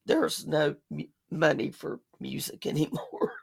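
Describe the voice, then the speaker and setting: Gravelly, husky woman chatting animatedly. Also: deep voice, unhurried. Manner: chatty, animated, laughs often. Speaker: podcast co-host. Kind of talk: casual chat.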